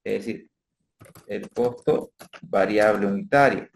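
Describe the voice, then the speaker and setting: A male instructor with a lowish, slow voice and vocal fry teaches a recorded spreadsheet-based finance lecture, with slight background noise audible. He goes step by step and often uses tag questions to check in with his students.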